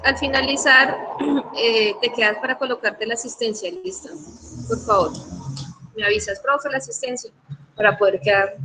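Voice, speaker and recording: A woman's voice: on the high side, noisy background. A Colombian woman teaching an online class, chatty, often checking in with her students and acting out regional sayings.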